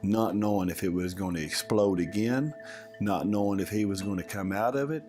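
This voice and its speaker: A father speaking in a recorded interview, recounting events in an emotional, halting way. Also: on the low side, a little mellow, faint music behind.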